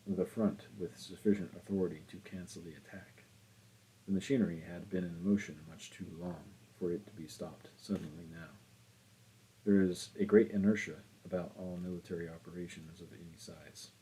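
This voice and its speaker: A man reading a classic novel aloud as an audiobook narrator, in a measured, deliberate way. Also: sits low, fairly even intonation, mellow, slight background noise, low-quality recording. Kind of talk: scripted literary narration.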